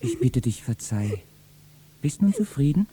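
An actor playing a bold, teasing young kitchen boy in a 1960s radio play, speaking classic verse with lively mockery. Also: medium pitch, a little slow, breathy edge. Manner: lively, mocking, bursts into loud shouting.

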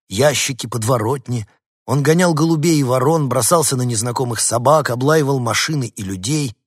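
A man narrating a storybook aloud in the first person, lively and expressive. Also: medium pitch, slightly rough, no echo, studio quality. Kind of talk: audiobook storytelling as the dog.

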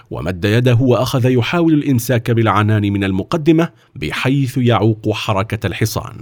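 A man narrating a children's story in a measured, expressive reading. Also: lowish voice, no room sound, studio quality.

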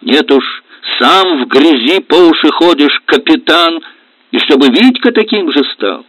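A man voicing a bitter young wife and schoolteacher in a high, strained voice, reading an audiobook. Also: sing-song, unhurried, a bit bright, no room sound, heavily acted. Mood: angry. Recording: dull lo-fi recording.

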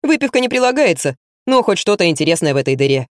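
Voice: mid-range voice, very animated, quick pace, no echo, close to an everyday voice. A blunt young man with piercings and tattoos, as the audiobook narrator puts him on, tossing off his lines in a sardonic, offhand way. The recording is dry and close.

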